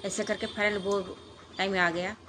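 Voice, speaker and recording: A woman's voice: medium pitch, little pitch movement, normal speed, a bit bright, a little hiss or hum. A woman telling a true family story in a casual, rambling way, with many fillers and restarts.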